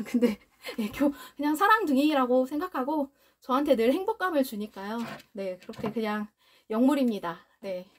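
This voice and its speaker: A woman's voice: high voice, expressive, normal speed. A young adult woman casually demonstrating a dog nail grinder, often cooing praise at her dog in a sing-song voice. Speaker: dog owner demonstrating pet grooming product.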